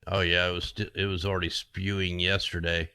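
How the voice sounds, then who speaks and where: This man's low voice is clear and resonant yet pushed bright, with little pitch movement and a slightly fast pace, and there's no room sound. Hosting a casual screen share, he rambles through weather maps in a conspiratorial way while his voice wears thin and he's losing it.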